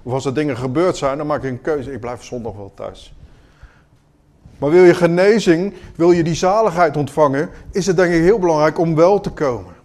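Man, preacher, sermon, earnest, questioning, higher voice. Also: brisk, few pauses. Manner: earnest, questioning, swings between quiet and emphatic.

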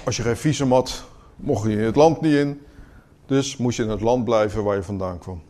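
A man preaching a sermon in an earnest, questioning way, moving between quiet moments and emphatic ones. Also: fairly low pitch, moderate pace.

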